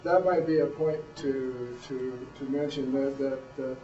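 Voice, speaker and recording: A middle-aged man giving blunt, plain-spoken, halting feedback as a judge of a student presentation. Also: medium pitch, fairly even intonation, dark tone, soft background music. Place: room, far from the microphone. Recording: roomy, dull, distant microphone.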